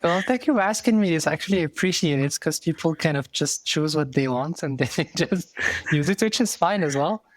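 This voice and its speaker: Moroccan man, thirties, podcast guest, raised voice, dry close sound, halting and thoughtful. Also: on the high side, lively intonation, no echo. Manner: thoughtful, with frequent fillers and restarts. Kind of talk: casual interview.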